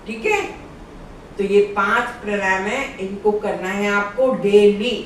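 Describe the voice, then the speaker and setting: A woman's voice: medium pitch, steady tone, measured pace. A woman yoga teacher explains breathing exercises patiently, one step at a time. Her voice comes from some distance off the mic in a strongly echoing room. A faint hum of ambience sits under her words. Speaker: yoga instructor. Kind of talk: instructional yoga lesson. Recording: very echoey room, far from mic.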